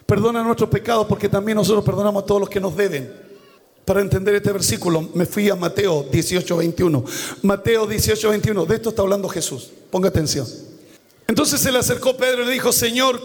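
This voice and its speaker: High-voiced preacher in an echoing hall. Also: male voice, brisk. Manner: animated, acts out Bible characters with sudden loud exclamations; reads scripture verse by verse and repeats key phrases for emphasis. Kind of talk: sermon. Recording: long reverb of a large hall.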